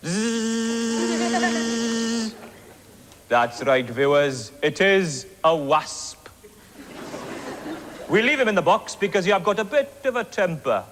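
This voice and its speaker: A Welsh man doing a deliberately inept ventriloquist comedy act, with mock-earnest patter. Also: on the high side, lively intonation, a bit bright. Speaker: comic ventriloquist. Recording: echoey hall with background noise.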